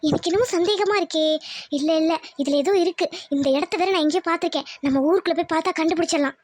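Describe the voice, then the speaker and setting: A woman's voice: extremely high pitch, rapid-fire, darkish tone, no room sound. A woman voicing a suspicious young daughter-in-law in a cartoon, musing and questioning to herself. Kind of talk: cartoon voice acting.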